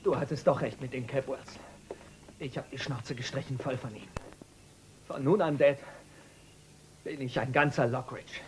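A man's voice: mid-range voice, fairly even intonation, a little slow, pauses often, darkish tone, a little hiss or hum, lightly acted. An actor dubbing a young man who is bitter and defiant toward his family in a soap opera. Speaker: grown son. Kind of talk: German-dubbed soap opera acting.

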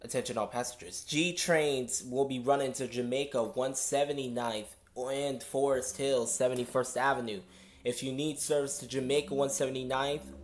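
Man, medium pitch, subway announcer, formal airport-style announcement, instructing passengers.

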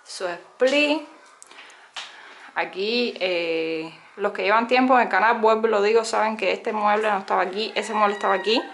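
A woman's voice: medium pitch, normal speed, fairly bright tone. Brief: young Cuban-accented woman vlogger, chatty phone-filmed house tour, faint hiss. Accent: Cuban Spanish. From Cuba. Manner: chatty, many "eh" fillers, addresses viewers directly. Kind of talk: casual house-tour narration. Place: small home, indoors. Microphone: handheld phone camera, speaking from behind it.

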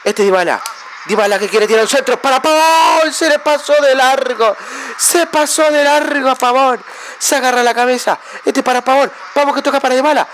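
High-voiced Argentine man calling a football game. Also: brisk, a little hiss or hum. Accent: Argentine Spanish. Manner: shouts and cheers at big plays, chatty and fan-like. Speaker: gamer narrating his own match. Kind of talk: excited play-by-play game commentary.

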